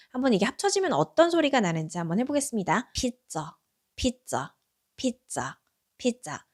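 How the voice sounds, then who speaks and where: A woman teaching beginners how to read English, sounding out letters slowly, repeating words and putting patient questions to the viewer. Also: mid-range voice. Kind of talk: beginner phonics lesson.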